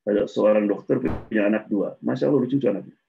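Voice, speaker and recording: A man's voice: on the low side, quick pace, creaky, slight background noise. A man preaching in a casual religious talk, telling stories and acting out the dialogue with a laugh between points. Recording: dull lo-fi recording.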